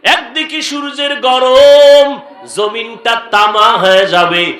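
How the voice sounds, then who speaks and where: Over soft background music, a man with a very high-pitched, steady, slightly bright voice preaches with emotional fervor. He addresses listeners directly and draws his calls into melodic chant, all carried on an echoing amplified sound.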